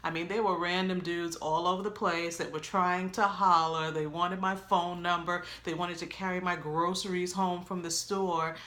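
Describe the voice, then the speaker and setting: A middle-aged woman speaks to the camera in a slightly low voice. She tells her own testimony as a co-pastor, leaning hard on key words and briefly acting out the voices she quotes. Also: flat delivery, moderate pace, few pauses, a bit bright. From New York. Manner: emphatic storyteller who acts out quoted lines.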